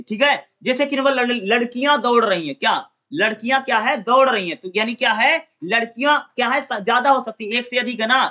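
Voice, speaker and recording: A man teaches an exam-prep lesson in a high, bright voice. He keeps asking his own questions and answering them, repeating key terms and drawing out example syllables. The audio is dull and lo-fi.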